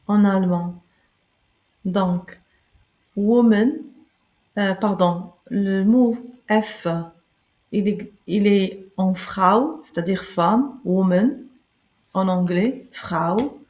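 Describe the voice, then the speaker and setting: Slow, halting woman teaching German. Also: mid-range voice, darkish tone, rough recording. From Morocco. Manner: slow, halting, many restarts and fillers. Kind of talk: language lesson explaining pronunciation.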